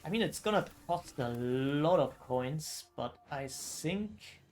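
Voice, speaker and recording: A man casting a card game match as esports commentary, casual and exclaiming, often thinking out loud. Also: on the high side, expressive, takes it slowly, faint music behind. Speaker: esports caster.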